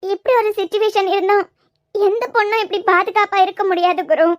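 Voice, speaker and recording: A woman's voice: very high-pitched, fairly even intonation, brisk, no echo, clean studio sound. A woman voicing an earnest, scolding young woman in a cartoon series, with a Kanyakumari Tamil accent. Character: young woman, scolding yet tender roommate. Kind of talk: cartoon web series voice acting.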